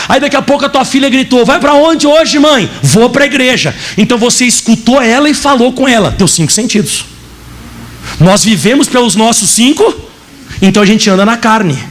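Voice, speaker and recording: A man, a pastor preaching a sermon in church, telling his testimony in an animated way and acting out the dialogue. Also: extremely high pitch, brisk.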